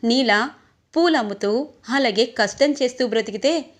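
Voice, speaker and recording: A woman voicing a defiant young man, a greedy younger brother who talks back quickly and cockily. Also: a little high, natural voice. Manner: quick, cocky, talking back.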